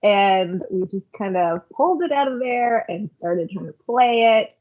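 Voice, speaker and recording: Speaking at a measured pace in an animated, mid-range voice, a worship leader from Canada tells stories as a podcast guest. Her delivery is casual and reflective, heavy on "like" and "um," and it comes through a phone-like call line.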